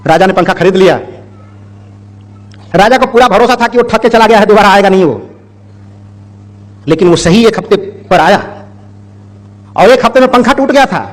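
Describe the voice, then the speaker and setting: A man's voice: high voice, moderate pace, long pauses. A man speaking to an audience, telling a parable in a plain, conversational way with repeated phrases. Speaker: public speaker. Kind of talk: storytelling in a speech.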